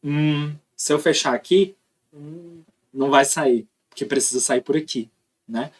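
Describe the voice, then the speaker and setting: A man's voice: mid-range voice, normal speed, slightly rough. Brazilian guy giving a phonology class, sounds out the example words himself, keeps checking in with the viewer. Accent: Brazilian Portuguese. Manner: explanatory, demonstrates sounds aloud, frequent tag questions. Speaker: linguistics teacher. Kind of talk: recorded phonology lesson.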